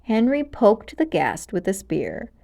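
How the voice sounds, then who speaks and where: Reading a children's storybook aloud, this woman uses a mid-range voice and a measured pace. She narrates in an expressive, dramatic way, keeping the pacing clear.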